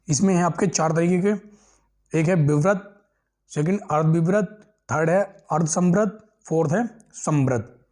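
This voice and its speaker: A man with a fairly high voice teaches an exam-prep grammar lesson. He asks his class a question and answers it himself, repeats each key term and keeps checking that they follow. His delivery stays patient and drilling. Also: a little mellow.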